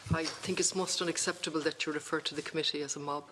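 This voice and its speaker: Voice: medium pitch, fairly even intonation, fast talker, background noise. A committee member with a west of Ireland accent, formally questioning a witness in an insistent, repetitive way. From Galway, Ireland.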